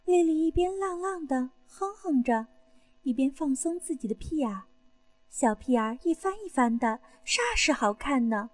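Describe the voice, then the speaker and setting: A woman narrating an erotic audio story in the first person, intimate and breathy. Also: high voice, lively intonation, moderate pace, no echo, soft background music.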